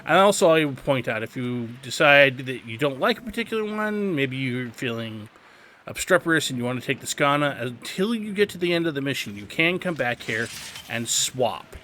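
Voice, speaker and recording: In a bright, forceful, sing-song voice at normal speed, a man hosts a casual video game guide, his pitch moving freely as he instructs and offers emphatic opinions. Faint rainy game ambience and a little hiss or hum sit behind him.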